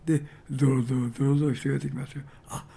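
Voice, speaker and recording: A male pastor delivers a storytelling sermon, his voice heavily gravelly and husky. It sits somewhat high for a man yet sounds dark and mellow. He leans on fillers and repeats words for emphasis. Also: level tone, rapid-fire.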